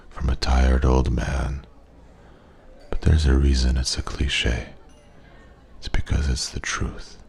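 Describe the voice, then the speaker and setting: Man playing a very deep, gravelly old sage. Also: heavily acted. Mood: earnest, tender. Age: older. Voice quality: soft-spoken, gravelly. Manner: old sage, slow, gentle, earnest counsel. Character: wise, regretful old man at a pub, an old sage giving life advice. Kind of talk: ASMR role-play.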